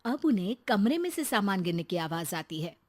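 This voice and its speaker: A woman's voice: mid-range voice, very animated, a little fast. Woman narrating a story, faint background noise. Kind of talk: scripted narration of a comic Hindi story.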